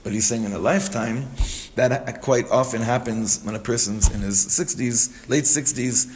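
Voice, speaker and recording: A man leads a study class with lively energy, rattling off Hebrew passages and then explaining them in plain English. He keeps turning to his students with questions. His voice carries a long room reverb over a faint background hiss. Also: mid-range voice. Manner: reads Hebrew fast then translates, asks students questions. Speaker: Torah teacher leading a study class. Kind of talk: animated text study with students.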